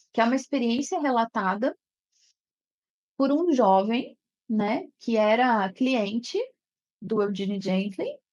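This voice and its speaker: A woman's voice: fairly high pitch, dull audio. A woman teaching an online class in a conversational way, often checking in with her listeners. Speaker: therapist teaching an online course. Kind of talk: live online class talk.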